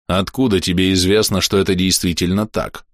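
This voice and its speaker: A man voicing a cold, calculating man who speaks in a measured, clear tone. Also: low voice, fairly even intonation, no room sound, clean studio sound.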